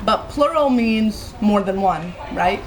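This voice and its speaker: A woman's voice: mid-range voice, animated, takes it slowly. A woman who is a poet and community organizer, explaining her ideas reflectively in an interview. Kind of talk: interview answers. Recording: clear background noise.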